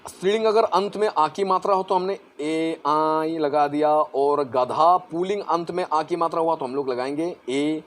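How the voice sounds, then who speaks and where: Male grammar teacher, Assamese-influenced accent, somewhat high voice, chatty and repetitive. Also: moderate pace, few pauses. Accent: Assamese-influenced Hindi. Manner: conversational, repeats words, asks and answers own questions. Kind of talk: explaining Hindi grammar to exam students.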